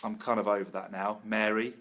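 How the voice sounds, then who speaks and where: Male vlogger, lowish pitch, informal and upbeat, speaking casually to followers. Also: little pitch movement, brisk, a bit bright. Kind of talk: casual video update to friends and followers.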